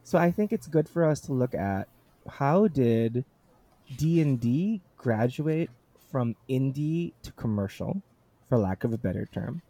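A man's voice: medium pitch, animated, measured pace, mellow, no echo. A man hosting a book discussion, articulate and enthusiastic, who also reads passages aloud.

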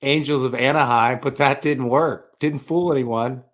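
A man's voice: medium pitch, steady tone, measured pace. A man co-hosting a podcast, joking and trading sports takes casually. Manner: joking, teasing banter. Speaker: podcast co-host.

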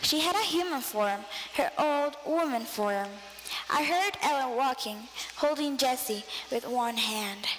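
A woman's voice: high-pitched, a little slow, a bit bright. A woman narrating a dramatic first-person story as a storyteller. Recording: long reverb, faint background noise.

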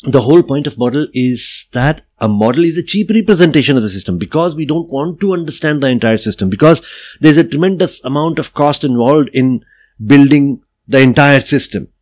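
A man's voice: medium pitch, animated, brisk, darkish tone, dry recording. A middle-aged man hosting a solo podcast, explaining ideas in a reflective, conversational way and often checking in with "right?" and "you know.". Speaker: podcast host.

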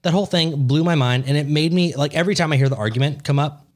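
A man's voice: fairly high pitch, quick pace. A man co-hosting a podcast in casual chat, swearing freely and teasing his co-host with mock outrage.

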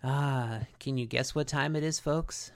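Mid-pitched man casually recapping as co-host. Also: steady tone, unhurried, gravelly. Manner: conversational, story-telling with paraphrased dialogue. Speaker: podcast co-host. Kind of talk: casual recap of a cartoon episode.

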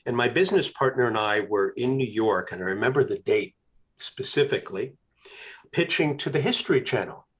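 Man telling a story with lively emphasis. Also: mid-range voice, a little fast. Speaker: guest author. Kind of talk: casual interview chat.

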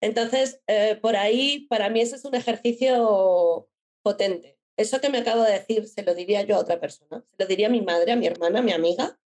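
A middle-aged woman with a mid-range voice, talking in a relaxed, conversational way. She explains her points through everyday examples and now and then speaks in the voice of a harsh inner critic. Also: medium pitch, fairly quick. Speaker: guest speaker. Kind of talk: casual conversation.

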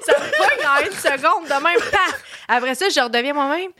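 High bright laughing Québécoise. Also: female voice, moderate pace. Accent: Quebec French. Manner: animated, laughing, yells for effect. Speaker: guest. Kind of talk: casual chat.

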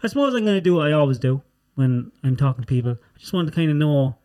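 A man's voice: on the high side, animated, fast talker, a little mellow. A man with an Irish accent hosting a podcast in a casual, colloquial interview style. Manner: informal, sweary, colloquial. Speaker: podcast host.

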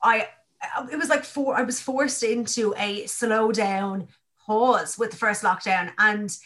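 A woman's voice: mid-range voice, fairly even intonation, slow, fairly bright tone. An Irish-accented woman hosting a casual chat, effusive and informal, often restarting her sentences as she goes. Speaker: podcast host.

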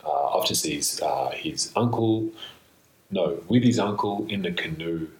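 A man's voice: sits low, lively intonation, unhurried. A man hosting a solo podcast in a loose, slangy, playful ramble, musing aloud, recorded on a laptop's built-in microphone. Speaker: podcast host. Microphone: built-in laptop microphone, mistakenly used instead of studio microphone. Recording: roomy laptop microphone sound.

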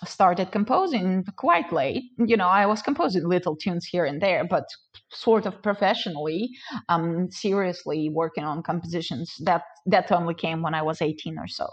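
A woman's voice: fairly low pitch, moderate pace, husky. A young woman from Ukraine, a composer and pianist, chatting casually as an interview guest, with lots of fillers and laughter.

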